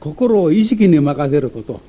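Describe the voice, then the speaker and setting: A man's voice: on the high side, lively intonation, measured pace, lo-fi sound. A man giving a lecture, reading passages from a text aloud and explaining them, with many hesitations, self-corrections and side remarks.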